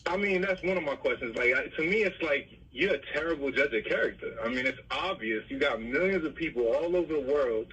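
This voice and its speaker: A man's voice: fairly high pitch, lively intonation, a little fast, hardly any pauses, a bit bright, husky, distant mic, lo-fi sound. A man from Barbados calling in to a show, bluntly confronting the hosts. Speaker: caller.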